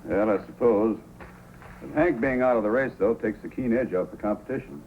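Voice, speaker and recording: An actor playing a calm, cautious police sergeant of the North in a measured, matter-of-fact way, in old-time radio drama style. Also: male voice, medium pitch, lightly acted. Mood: steady, calm. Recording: muffled, noisy old radio recording.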